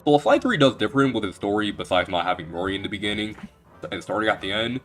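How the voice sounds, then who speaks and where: A man's voice: on the low side, expressive, fast talker, a little hiss or hum. A young man giving a casual video game retrospective, rambling and joking with lots of restarts.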